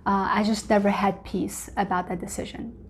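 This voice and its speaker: A woman in her forties, Moroccan-born with Arabic as her first language, talks earnestly into a camera at home. She speaks in a chatty, personal testimony style, full of little fillers and restarts. Her voice sits at an ordinary middle pitch. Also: level tone, normal speed, slightly rough. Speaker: host. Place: home living room.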